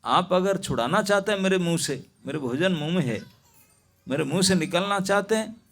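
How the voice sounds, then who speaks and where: A hungry crocodile speaks in a calm, reasoning tone and strikes a bargain, as a male preacher voices it. The voice stays close to the preacher's own, a little high for a man. It is a storybook creature told aloud in a spiritual talk. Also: moderate pace.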